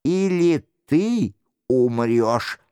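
A man reading the part of a stern lawyer who questions a captive with cold, clipped questions in a low, muffled voice. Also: lively intonation, very slow, mellow, clear, resonant tone, no room sound. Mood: menacing. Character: stern menacing male lawyer interrogating at swordpoint. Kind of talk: audiobook character reading.

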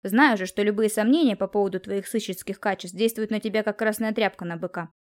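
A woman's voice: mid-range voice, fast talker, lightly acted. Woman reading as a grumbling police officer. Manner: grumbling, then conciliatory. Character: gruff male police lieutenant colonel.

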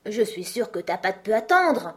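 A woman's voice: mid-range voice, big pitch swings, moderate pace, slightly rough. A woman voicing Alice, a curious, chatty young girl who fondly scolds her cats in a storybook reading.

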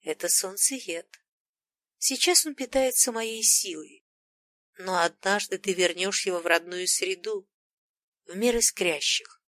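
A woman voicing a gentle, wise old female sun spirit in an audiobook, speaking softly and unhurriedly. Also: mid-range voice, a little slow, dry recording, close to an everyday voice.

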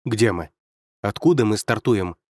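A man's voice: fairly low pitch, animated, measured pace, darkish tone, dry recording, studio quality. A man voicing a bewildered, fretful young man in an audiobook, speaking in a plaintive, confused way. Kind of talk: audiobook character voice.

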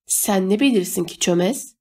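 A woman's voice: mid-range voice, moderate pace, warm tone, lightly acted. A woman reading an audiobook voices a bitter, sneering woman covered in fish scales. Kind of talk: audiobook character voice.

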